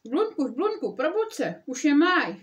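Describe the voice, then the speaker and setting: A woman's voice: sits high, sing-song. A woman voicing an eager, cheerful male frog from a children's storybook, calling and coaxing his sleepy friend.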